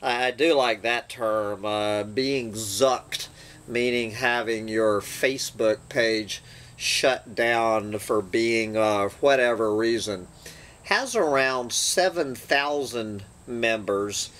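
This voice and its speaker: A man's voice: mid-range voice, a bit bright. A man hosting his channel, reading an essay aloud with dry, sardonic asides between passages. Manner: slow, deliberate reading with sardonic asides and throat-clearing.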